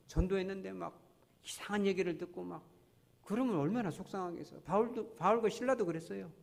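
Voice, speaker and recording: A man's voice: on the high side, gravelly, darkish tone. A man preaching a sermon in a church, telling stories earnestly and asking the congregation question after question. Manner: earnest, storytelling, many rhetorical questions to the congregation. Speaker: pastor. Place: church sanctuary. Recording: long church reverb.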